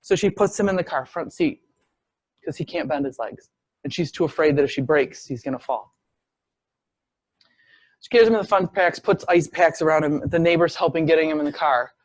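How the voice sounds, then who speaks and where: Male lecturer, slightly high voice, dry close sound, narrates cases vividly. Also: moderate pace, pauses often, dry recording. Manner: storytelling, acts out quoted speech. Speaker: visiting professor lecturing. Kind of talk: medical case lecture.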